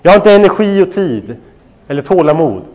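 A man in his thirties preaching a sermon on parenting, telling a family story with lively asides straight to his listeners. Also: high voice, muffled recording. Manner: animated storytelling, addresses listeners directly. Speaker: pastor.

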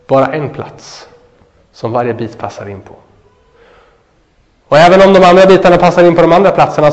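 Male preacher, slightly high voice, muffled recording with long hall reverb, talks in questions and answers. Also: a little mellow. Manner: asks the listeners questions and answers them. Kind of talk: sermon. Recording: dull sound with a long hall echo.

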